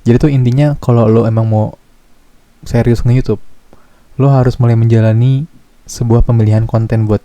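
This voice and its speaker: A young man with a Jakarta slang accent hosting a casual podcast chat, relaxed and searching for his words. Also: mid-range voice, dry recording. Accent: Jakarta slang Indonesian. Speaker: podcast host.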